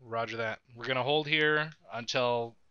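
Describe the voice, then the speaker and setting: A man with a sharp, very bright and clear voice gives orders as a game squad commander. He is commanding and swears freely. The sound is a slightly muffled headset voice chat. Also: mid-range voice, fairly even intonation, moderate pace, no echo. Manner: profane, commanding. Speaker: commander in an online military simulation game. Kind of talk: gaming radio callouts and casual squad chat.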